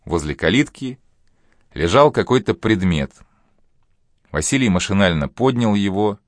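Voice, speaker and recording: Very deep-voiced male audiobook narrator. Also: expressive, a little slow, no room sound, studio quality.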